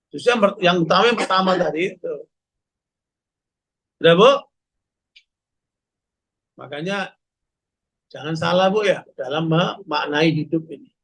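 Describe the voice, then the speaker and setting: Animated high-voiced male preacher. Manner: animated, rhetorical questions, calls out to the audience. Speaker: Islamic preacher. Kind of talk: sermon to a women's study group.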